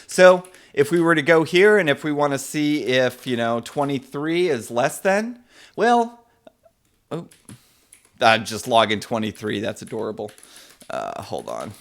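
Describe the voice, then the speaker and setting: A man runs a relaxed live-coding lesson from his desk. He talks loosely, with lots of "uh" and "um", and stops now and then to greet people in the chat. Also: medium pitch, measured pace. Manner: casual, many fillers, reads chat names aloud. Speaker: programming instructor.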